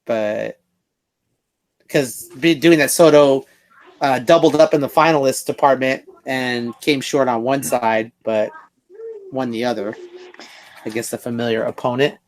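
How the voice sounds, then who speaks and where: A man's voice: medium pitch, fairly even intonation, poor audio. A man hosting a casual podcast, thinking aloud as he reads through a list. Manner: slow, thinking aloud while reading a list. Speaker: podcast host. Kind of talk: casual chat.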